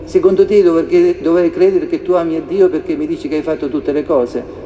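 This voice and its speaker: A man's voice: fairly high pitch, steady tone, brisk, mellow, slight background noise. A man preaching a sermon with passion, asking rhetorical questions again and again. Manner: impassioned, repeats rhetorical questions. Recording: echoey hall reverb, faint ambience.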